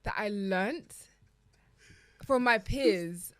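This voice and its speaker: A woman's voice: mid-range voice, extremely slow, no echo, clean studio sound. A young woman talking casually on a podcast, chatty and full of fillers, laughing often. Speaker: podcast guest.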